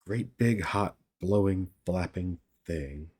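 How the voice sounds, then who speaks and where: A man's voice: sits low, slow pace, a little mellow, husky, full character voice. Carrot, a man doing an earnest young watchman. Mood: eager guessing. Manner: eager, puzzled guessing. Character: earnest simple young male watchman guessing charades.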